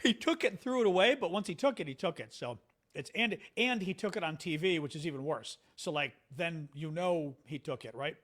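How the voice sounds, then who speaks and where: A man with a fairly high voice that jumps all over the place hosts a relaxed political livestream from home. He talks in a chatty, sarcastic way and breaks off to answer his chat. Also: a little fast. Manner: animated, chatty, sarcastic, reads chat aloud. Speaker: livestream host. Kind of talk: casual political commentary livestream.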